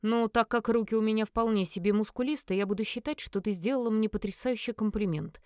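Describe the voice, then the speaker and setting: A woman voicing a smug, teasing young man in an audiobook, in her own mid-pitched voice. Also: brisk, darkish tone, dry recording, studio quality, lightly acted.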